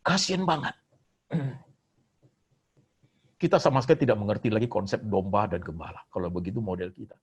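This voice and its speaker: An older man, a pastor, preaching a sermon. His talk swings between loud, emphatic exhortation and soft, low asides, with English phrases mixed in. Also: lively intonation, brisk, long pauses, breathy edge.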